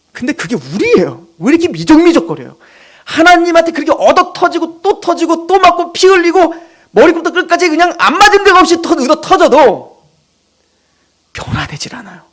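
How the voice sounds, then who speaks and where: A male pastor giving an animated, emphatic sermon with personal asides. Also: very high-pitched.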